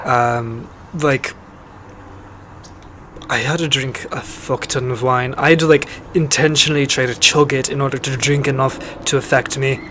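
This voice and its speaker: Young guy on a podcast, halting, umming a lot, mid voice. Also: medium pitch, steady tone, pushed and bright, slight background noise. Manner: halting, many fillers. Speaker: podcast guest. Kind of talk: casual interview.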